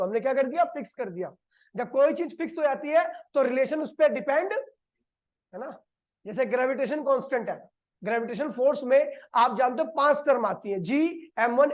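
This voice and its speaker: A male physics teacher giving a classroom lecture. He fires questions at the class, answers them himself, and slows right down to dictate definitions. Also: very high voice, dull audio. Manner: quizzes the class and answers his own questions. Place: classroom with a board.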